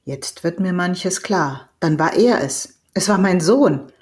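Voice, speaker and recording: A woman's voice: fairly low pitch, expressive, slow, darkish tone. A woman voicing a proud, hot-blooded male hunter and father in an audiobook reading, earnest and determined.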